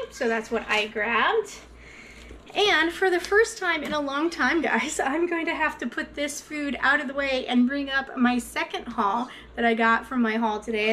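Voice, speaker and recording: Upbeat, high-voiced mom vlogger. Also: female voice, a bit bright, a little hiss or hum. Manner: upbeat, enthusiastic, talks straight to viewers. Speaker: vlogger, mother. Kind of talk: casual chatty vlog.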